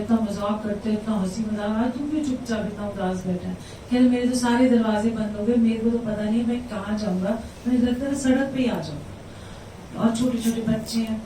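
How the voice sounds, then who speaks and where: A woman's voice: a little high, a little hiss or hum. Distant echoey woman telling a story. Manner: animated, acts out quoted dialogue. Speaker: devotee sharing a testimony. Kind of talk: storytelling at a devotional gathering. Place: indoor devotional gathering with listeners present. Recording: echoey room, voice from a distance, faint ambience.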